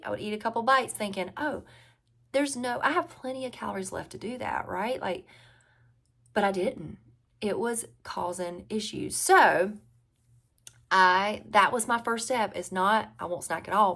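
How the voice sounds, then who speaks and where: A woman's voice: medium pitch, gravelly, a bit bright. Southern-drawling woman coach in her forties. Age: 40s. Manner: conversational, emphatic, repeats key phrases. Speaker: health and weight-loss coach. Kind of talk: casual advice talk to viewers.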